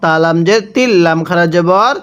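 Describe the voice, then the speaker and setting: A man teaching Quran reading, spelling out words and chanting them slowly for the listener to repeat. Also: high-pitched, fairly bright tone, clear, resonant tone. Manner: drawn-out chanted recitation, asks and answers himself. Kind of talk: slow spelled-out recitation lesson.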